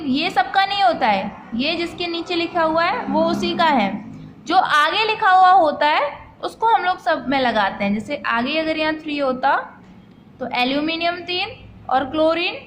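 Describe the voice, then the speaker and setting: A woman's voice: high voice, slight background noise, low-quality recording. A woman teacher, explaining chemistry step by step and asking and answering her own questions, as if to children. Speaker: science teacher.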